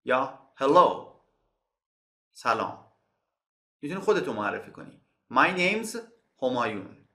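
A man from Iran teaching a bilingual English lesson. He says English phrases slowly and explains them quickly. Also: medium pitch, big pitch swings, bright, forceful tone, roomy sound.

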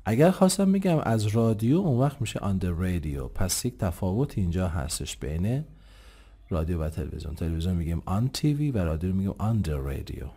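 Man, language teacher, low voice, warm tone, patient explanations, slow and careful English examples. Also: very animated. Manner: explains patiently, asks himself questions and answers them; says English examples slowly and clearly. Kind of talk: online English lesson.

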